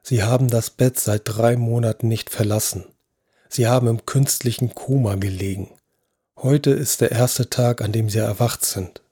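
A man voicing a calm, patient male neurosurgeon who speaks in a soft-spoken, reassuring way. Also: medium pitch, moderate pace, husky, no room sound, studio quality, lightly acted. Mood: soothing. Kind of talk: audio drama acting.

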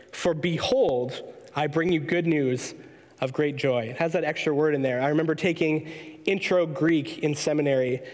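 Man preaching, fairly high voice, measured and explanatory, long hall reverb. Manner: measured, explanatory, slows to read scripture aloud. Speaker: pastor. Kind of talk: sermon.

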